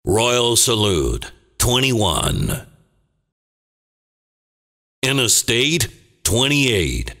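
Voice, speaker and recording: A man playing a booming, dramatic movie trailer announcer, calling bingo in short theatrical phrases with a gravelly voice. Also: sing-song, bright, forceful tone, heavily acted. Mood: dramatic, portentous. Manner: theatrical, deliberate, clipped phrases. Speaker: bingo caller. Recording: long booming reverb.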